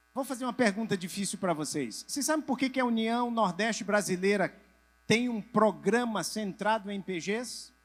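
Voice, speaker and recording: A middle-aged male pastor preaching to church leaders, asking the audience questions and answering them himself, sometimes having them raise hands or turn to a neighbor. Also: very high-pitched. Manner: drops to a soft voice at moments. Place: church convention hall with a live audience.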